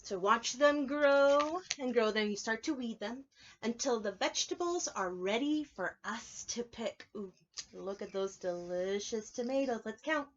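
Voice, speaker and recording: A preschool teacher reads a picture book aloud to young children, explaining it in simple words and asking them questions. Her voice sits on the high side and is expressive, her pace a little slow. The audio sounds dull.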